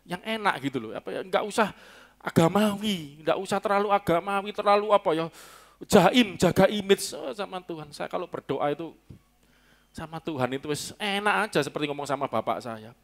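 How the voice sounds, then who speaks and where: A male pastor delivers a sermon in an easygoing, joking manner. His voice sits a little high for a man, and he sometimes bursts into loud, playful mock prayers. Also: fairly quick. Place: church hall.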